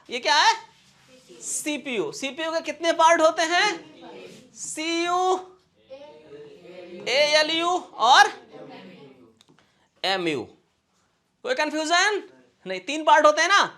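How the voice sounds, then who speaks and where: A male computer teacher leads a video lesson. He explains things playfully with homely comparisons and keeps firing quick "any confusion?" questions at his students. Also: extremely high pitch, pushed and bright. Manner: keeps checking for understanding with quick rhetorical questions. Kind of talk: classroom-style video lesson.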